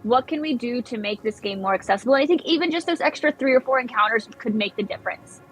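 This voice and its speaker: A woman's voice: fairly high pitch, expressive, quick pace, faint music behind. A woman guesting on a casual livestream chat, talking eagerly in long rambling runs. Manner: eager, rambling, many fillers and restarts.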